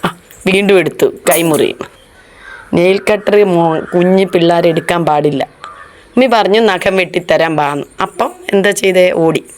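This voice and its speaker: A young woman talking gently to her small child as a mother, coaxing and soothing with repeated endearments. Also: fairly low pitch, moderate pace, a little hiss or hum. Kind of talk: comforting talk to a small child.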